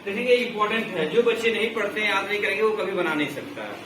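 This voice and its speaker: Male teacher, slow drill-style delivery; heard far off in a noisy, echoey room. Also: high-pitched, expressive. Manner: slow, drawn-out recitation with repeated drills. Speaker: English teacher. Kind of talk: classroom grammar lesson.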